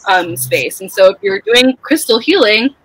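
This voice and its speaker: A woman speaking as a podcast guest in a candid, animated way, with casual swearing. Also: medium pitch, normal speed, slightly rough, low-quality recording.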